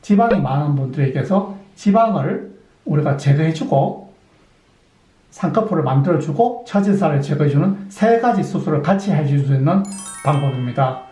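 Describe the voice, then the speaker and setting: A man's voice: on the high side, animated, normal speed, warm tone, echoey room, rough recording. A middle-aged man, a plastic surgeon, explaining surgical methods step by step, asking questions and answering them himself. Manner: methodical, poses and answers his own questions. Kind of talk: explanatory clinic talk.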